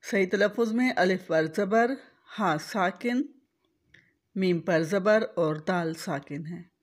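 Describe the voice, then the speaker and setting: A woman's voice: fairly low pitch, slow. A woman teaching correct pronunciation, spelling out vowel marks letter by letter and repeating each word. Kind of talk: slow, deliberate instructional explanation.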